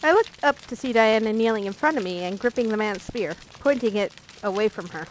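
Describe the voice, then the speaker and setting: A woman's voice: fairly high pitch, animated, fairly quick, slight background noise, rough recording. A woman reading a visual novel aloud as a let's play narrator, playful and breaking off for jokey asides.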